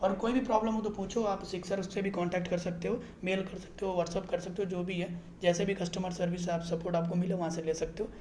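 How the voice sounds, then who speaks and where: A man's voice: high-pitched, level tone, fairly quick, hardly any pauses, a little mellow, slight background noise. Man, app explainer host, chatty, keeps checking in, echoey room. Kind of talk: casual screen-recorded explainer.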